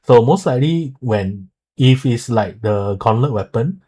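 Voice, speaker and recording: A man giving casual live game commentary in a halting, explanatory way, often checking himself with okay and so. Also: mid-range voice, animated, warm tone, husky. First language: not Mandarin; speaks it haltingly. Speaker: streamer and video creator explaining a game.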